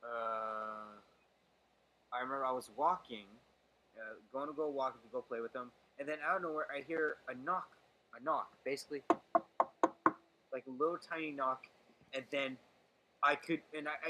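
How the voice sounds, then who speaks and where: A man's voice: medium pitch, moderate pace, very noisy. A young man telling a ghost story to friends on a stream call, hesitant and dramatic, with many fillers and restarts. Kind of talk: casual storytelling on a livestream call.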